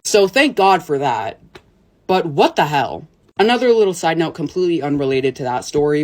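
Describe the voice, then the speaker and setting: A woman in customer service casually telling a work story, wry, rambling and profane. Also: fairly low pitch.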